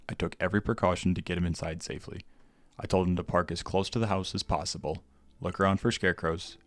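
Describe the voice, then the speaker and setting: Brief: steady male storyteller for a horror tale, very low voice, dry close sound. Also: no room sound. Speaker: narrator. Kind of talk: scripted horror story narration.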